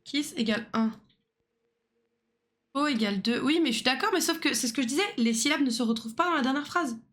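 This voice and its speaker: Higher-voiced woman streamer thinking aloud. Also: expressive, fairly quick, a bit bright. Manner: thinking aloud, bickering with a co-player. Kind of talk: casual puzzle game chat.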